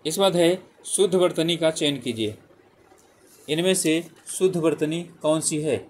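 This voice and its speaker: In an exam-prep lesson, a male teacher with a slightly high, animated, unhurried voice works through spelling multiple-choice questions one at a time. He repeats the answer options aloud and keeps checking in with "ठीक है", making the delivery quite repetitive.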